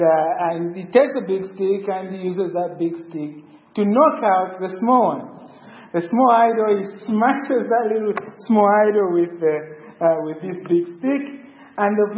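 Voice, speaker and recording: A male pastor delivers a sermon in a storytelling way, often pausing on fillers. His voice sits fairly high. The sound is a little dull and echoes around a church hall. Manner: storytelling with frequent hesitant fillers.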